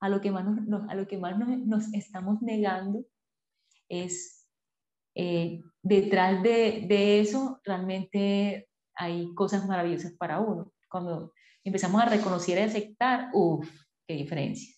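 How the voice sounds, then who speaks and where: A woman, a podcast guest telling her personal story in an animated way, acting out her past self in quotes. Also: mid-range voice, a little slow. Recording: echoey room, dull lo-fi sound.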